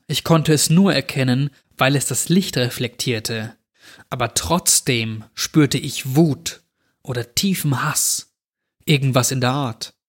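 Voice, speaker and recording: Slow German male horror narrator. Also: medium pitch. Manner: slow, measured storytelling. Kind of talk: horror story reading.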